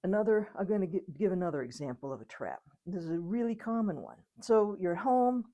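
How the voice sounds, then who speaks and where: Woman doctor, plain conversational explainer, warm low voice. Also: expressive, fairly quick, highs cut off. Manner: conversational, acts out quotes, occasional laughs. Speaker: physician explaining trauma. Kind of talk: informal educational talk.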